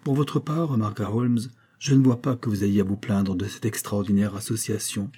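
Man reading brisk amused detective, audiobook, raised lively voice, dark tone. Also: fairly low pitch, husky.

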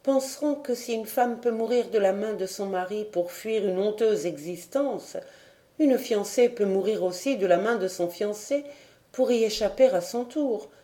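A woman reading an audiobook voices a brave young woman, speaking in a soft, earnest, pleading way. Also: medium pitch, moderate pace, natural voice.

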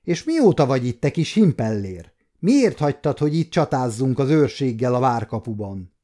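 A man's voice: mid-range voice, sing-song, mellow, lightly acted. A man voicing a firm, curt knight. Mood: teasing. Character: male nobleman knight, firm and weary.

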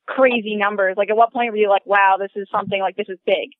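A college-age young woman from Connecticut calls into a podcast over a tinny telephone line. She talks quickly and eagerly like a fan, leaning on "like" as she goes. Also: mid-range voice, fairly even intonation, no echo. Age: college-age young adult. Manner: eager fangirl, fillers like "like". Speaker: caller. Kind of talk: casual call-in chat.

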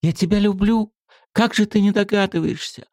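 Man doing a high, eager teenage girl. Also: normal speed, darkish tone, no room sound, clean studio sound, lightly acted. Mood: eager, confiding. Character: shy, excitable teenage girl.

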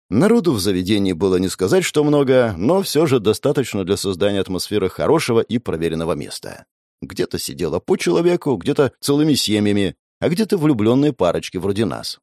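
A man narrating a first-person story in an expressive, lively way. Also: lowish voice, fairly quick, dry recording, studio quality.

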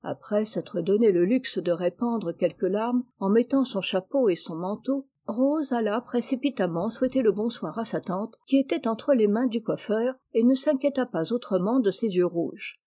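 A woman narrating a classic novel aloud as an audiobook in a measured, gentle storytelling manner. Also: mid-range voice, husky.

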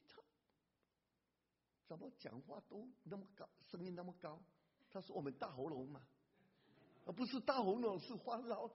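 A man pastor preaching a sermon in an animated way, breaking into a hymn at times. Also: high voice, breathy edge. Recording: lo-fi church hall reverb.

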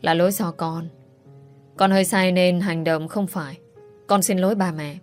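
A woman's voice: fairly low pitch, fairly even intonation, moderate pace, lightly acted. A woman voicing a young man who speaks bitterly to his brother, with faint music behind. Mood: apologetic.

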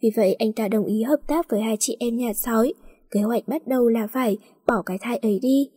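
Husky, mellow woman narrating a story. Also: fairly high pitch, a little fast. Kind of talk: storybook reading.

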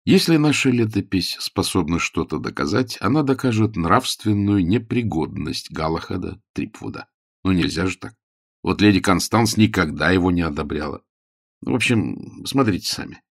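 A man narrating a novel aloud in a wry, measured storytelling manner. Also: low voice, expressive, husky, no echo, studio quality. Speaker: audiobook narrator. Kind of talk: scripted narration.

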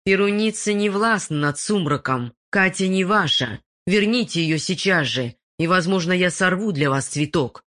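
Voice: mid-range voice, expressive, moderate pace, few pauses, a bit bright. A narrator voicing a determined male investigator who barks defiant answers in an audiobook. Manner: barking, defiant.

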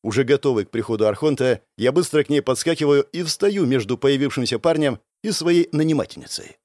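A young man narrating a first-person novel aloud, lively with sarcastic asides. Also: mid-range voice, fairly quick, no room sound. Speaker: audiobook narrator.

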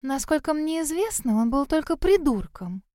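A spiteful, gossipy spirit girl from a storybook, who lives in a well and talks high and sly, as a woman reader puts her on. She is scornful and quick to mock, recorded dry and close. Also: big pitch swings, warm tone, no echo. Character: mocking gossipy female spirit living in a well.

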